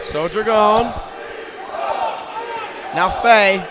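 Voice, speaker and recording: A man calling live basketball play-by-play in a crowded school gym, with rapid, clipped calls shouted over the crowd. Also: high voice. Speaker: play-by-play announcer. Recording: loud gym crowd and noise.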